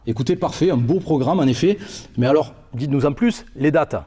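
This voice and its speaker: Male presenter, smooth anchor voice, a bit high and mellow, faint music in the back. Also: animated, fairly quick. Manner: polished anchor-style delivery. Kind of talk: mock broadcast presenting.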